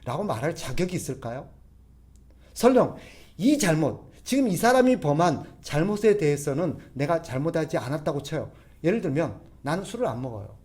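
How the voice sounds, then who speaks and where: A man's voice: on the high side, very animated, normal speed, a little mellow. A man preaching a conversational sermon as pastor, constantly putting rhetorical questions to the congregation and drawing on everyday examples. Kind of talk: expository sermon.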